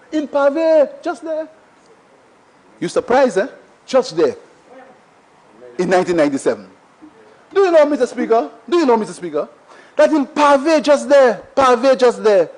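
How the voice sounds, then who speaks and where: A man's voice: very high-pitched, poor audio. A Saint Lucian man giving an impassioned, repetitive parliamentary speech, full of rhetorical questions, in a parliament chamber. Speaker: member of parliament.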